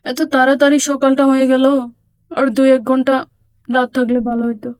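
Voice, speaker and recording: A woman voicing a tired, reassuring poor village father, speaking calmly in a doll story drama. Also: high voice, brisk, no echo, lightly acted. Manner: calm, comforting.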